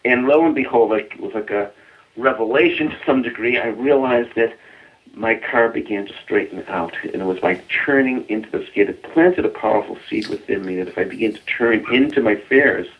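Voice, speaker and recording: A man's voice: medium pitch, moderate pace. A man with a Boston accent, a guest explaining mindfulness research in a radio interview, earnest, often repeating words as he starts a sentence. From Boston area, US. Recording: tinny phone line.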